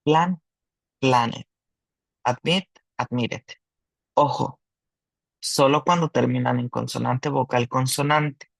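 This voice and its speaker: A man's voice: mid-range voice, steady tone, creaky, no room sound, poor audio. A man teaching an online grammar lesson, explaining patiently in two languages with small restarts. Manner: slow and patient, switching between Spanish and English, with restarts. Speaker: English teacher.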